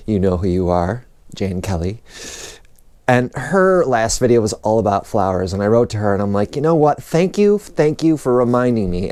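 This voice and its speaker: A man's voice: mid-range voice, darkish tone, no echo. Chatty man with a dry close sound. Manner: chatty, digressive, enthusiastic. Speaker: gardening vlogger. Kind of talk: casual vlog talk. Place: outdoors in a snowy garden for part.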